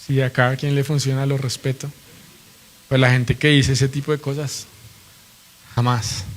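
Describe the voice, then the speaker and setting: A man's voice: medium pitch, level tone, moderate pace. A man preaching a sermon, earnestly and reverently teaching, often asking his listeners questions.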